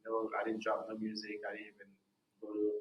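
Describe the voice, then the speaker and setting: A man's voice: on the low side, quick pace, lo-fi sound. A young man, a music artist and podcast guest, talking casually and telling his story with lots of "bro" and "man". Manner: animated storytelling, says "bro" often. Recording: roomy echo.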